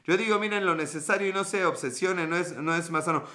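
Speaking fast in a high-pitched, pushed and bright voice, a Mexican-accented man on a live stream greets his viewers and answers their comments in loose, slangy, profane talk.

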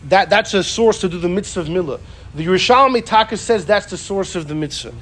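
A man with a notably high voice leads an informal Torah class. He talks in a lively way, repeats his points and acts out the quoted speakers as he goes. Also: fairly quick.

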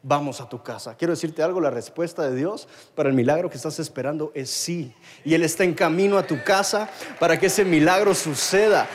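Fairly quick and fairly high in pitch, the voice belongs to a thirtysomething man with a Guatemalan Spanish accent, with a little hiss or hum in the audio. He delivers a storytelling sermon to a live congregation and online viewers, full of repetitions and restarts.

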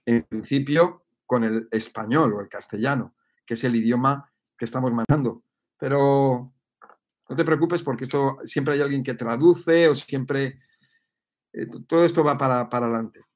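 A man's voice: mid-range voice, normal speed. A man giving an emphatic, repetitive motivational monologue. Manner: emphatic and repetitive, often asking "¿ves?" and "¿vale?". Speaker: speaker on personal growth.

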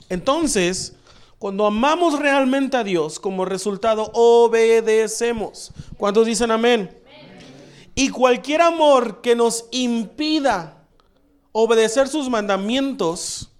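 Man, high voice, pastor, sermon, emphatic, repeats key phrases.

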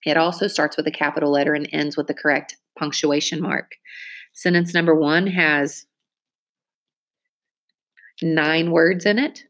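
Low-voiced teacher reading spelling words. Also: female voice, fairly even intonation, fairly bright tone. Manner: slow, clear dictation with example sentences. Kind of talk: spelling dictation lesson.

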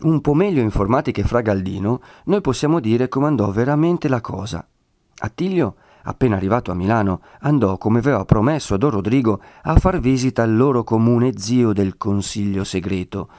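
Dry, steady male audiobook narrator. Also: medium pitch, no echo. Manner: measured, steady reading. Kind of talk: scripted narration.

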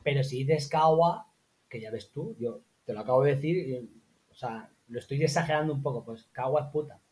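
Man, interview guest, lively anecdote teller in relaxed chat. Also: a little fast. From Spain. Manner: animated anecdotes, acts out quotes in high voices. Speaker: interview guest, former teacher in Morocco. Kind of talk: casual conversational storytelling.

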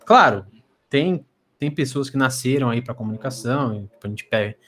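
A man's voice: medium pitch, lively intonation, a little fast, fairly bright tone, slight background noise. Brazilian man with a slushy, stammering lisp. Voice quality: tongue-tied lisp with slushy s. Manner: stammering, repeats words and syllables. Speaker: podcast guest. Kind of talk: casual podcast conversation.

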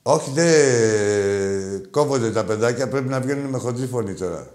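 A man hosting a call-in show, joking crudely with callers, swinging between loud mocking outbursts and low mutters. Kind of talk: crude casual call-in banter.

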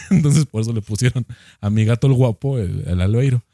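A young man with a Mexican accent telling a profane, animated anecdote in casual chat. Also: medium pitch, brisk, no echo, studio quality. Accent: Mexican Spanish.

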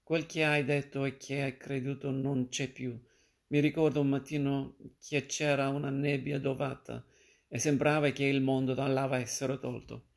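A man reading the lines of a moody, restless woman in a novel, in his own gravelly voice. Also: medium pitch, level tone, moderate pace, close to an everyday voice. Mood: wistful.

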